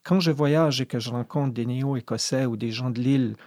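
A man's voice: medium pitch, mellow, no room sound, studio quality. A middle-aged man with a Brayon Acadian French accent from northwest New Brunswick, speaking thoughtfully with many hesitations in a podcast conversation. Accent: Acadian French, Brayon (Madawaska). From Madawaska, New Brunswick, Canada. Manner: thoughtful, measured, with frequent "euh". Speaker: poet guest.

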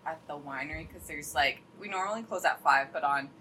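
A young adult woman talking in a relaxed, chatty way, her tone a little low yet bright and sharp. She strings stories together loosely, full of "like" and easy laughs. There is a faint hiss of noise behind her. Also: a little fast, poor audio. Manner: chatty storyteller, heavy use of "like", laughs often. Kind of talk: casual chat.

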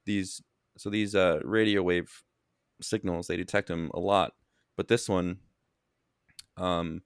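Male podcast co-host, very deep dry voice, halting and self-correcting, has hiccups. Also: steady tone, smooth, no room sound. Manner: halting, restarts and self-corrections, reads search results aloud. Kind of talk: casual chat.

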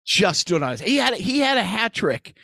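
A male podcast co-host in loose casual chat, rambling and animated, piling up restarts and asides. His pitch swings widely from phrase to phrase. The sound is dry and close. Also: moderate pace, gravelly, dry recording.

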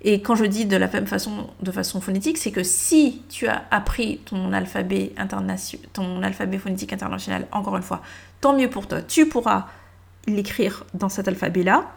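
A woman's voice: mid-range voice, normal speed, creaky. A woman who speaks natively, giving a casual spoken lesson on English pronunciation, thinking aloud and spelling words out letter by letter. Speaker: English teacher.

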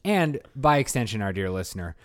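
A man co-hosting a casual board game podcast, joking and rambling with quick asides. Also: fairly low pitch, sing-song. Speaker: podcast co-host.

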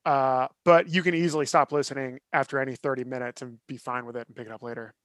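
A man's voice: medium pitch, steady tone, fast talker, fairly bright tone, dry recording, studio quality. A man co-hosting a podcast in casual chat, enthusiastic and often restarting his sentences. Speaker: podcast co-host.

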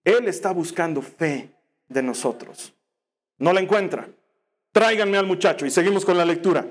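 A male preacher delivers a sermon in a high-pitched voice. He tells the story in an animated way, slowing down to stress his key words. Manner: animated storytelling with slow emphatic phrasing.

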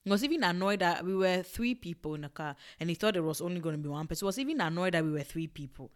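Animated woman telling a story. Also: fairly low pitch, rapid-fire. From Ghana and Togo. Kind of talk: casual storytime vlog.

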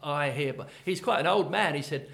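A man's voice: a little high, fairly quick, vocal fry, a bit bright. An older man, a comedian guest telling rambling anecdotes in casual chat and chuckling often.

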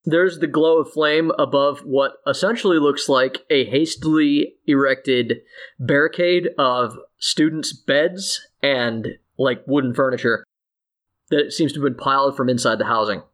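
A man's voice: medium pitch, unhurried, fairly bright tone. A man narrating an improvised tabletop fantasy game as game master, descriptive and feeling his way through scenes.

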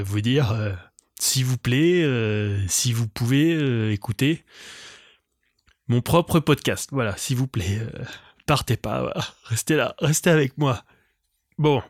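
A man riffs as comedian and podcast host, wandering off on crude tangents and laughing at himself. His voice sits at a middle pitch. The sound is dry and close, with no room echo. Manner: digressive, self-mocking, crude. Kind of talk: rambling comic monologue.

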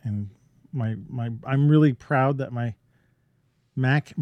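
A man's voice: medium pitch, slow pace, dry recording, lo-fi sound. A man co-hosting a podcast, talking in a loose, rambling way with lots of fillers and restarts. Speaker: podcast co-host. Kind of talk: casual chat.

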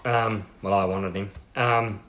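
A man's voice: lowish voice, fairly even intonation, slow, a bit bright, slight background noise. A man with an Australian accent co-hosting a casual chat about football. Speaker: football podcast co-host.

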